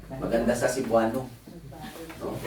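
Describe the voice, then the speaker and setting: A male pastor delivering a humorous sermon, switching between Tagalog and English with animated storytelling asides. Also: medium pitch, a little slow, slight background noise. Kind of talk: sermon at a Bible conference. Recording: echoey hall, distant mic, faint ambience.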